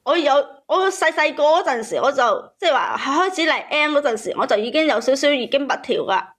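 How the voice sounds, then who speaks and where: A woman phones in to tell a host her personal story, speaking emotionally and repeating phrases for emphasis. Her voice is high, expressive and a little bright, and she talks fairly quickly.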